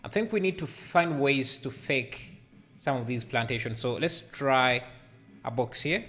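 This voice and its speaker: Slow, hesitant man thinking aloud. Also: mid-range voice, animated, a bit bright, faint music behind. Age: 30s. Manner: hesitant, many fillers, thinking aloud while working. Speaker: livestreaming 3D artist. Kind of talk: casual live tutorial, reading chat aloud. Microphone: headset microphone.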